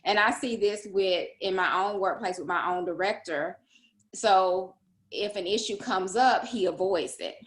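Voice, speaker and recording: A woman's voice: mid-range voice, measured pace, reverberant. A woman in a book club discussion, talking casually on a video call and thinking aloud with many fillers.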